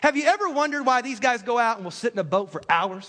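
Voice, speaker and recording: American man, high voice, animated and self-deprecating sermon delivery, long hall reverb. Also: fast. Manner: animated, folksy, self-deprecating, repeats phrases for emphasis. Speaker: preacher. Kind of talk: conversational sermon to a congregation.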